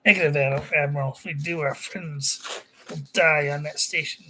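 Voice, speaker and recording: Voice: mid-range voice, fairly even intonation, normal speed, bright, forceful tone, slight background noise, low-quality recording. A reader voicing a stubborn male admiral who speaks firmly and refuses to retreat. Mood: defiant. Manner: firm, resolute.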